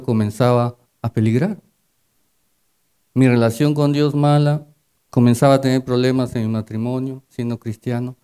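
A man preaching a sermon to his congregation as their pastor, telling personal stories and rising loud when he exhorts. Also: medium pitch, smooth.

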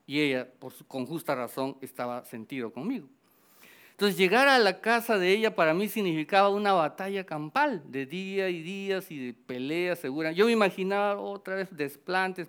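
A middle-aged man preaching and telling a personal story from his own life, playing the back-and-forth of each conversation as he goes. His voice is smooth and resonant, pitched a little high for a man. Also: fairly bright tone. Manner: personal storytelling, acting out quoted dialogue. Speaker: pastor. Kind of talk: sermon testimony.

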